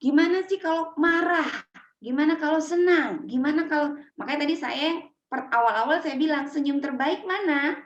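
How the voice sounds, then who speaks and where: Lively woman trainer in an echoey room. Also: high-pitched, normal speed, lo-fi sound. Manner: lively, demonstrates intonation by example. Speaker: public speaking trainer for children. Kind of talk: online workshop talk to parents.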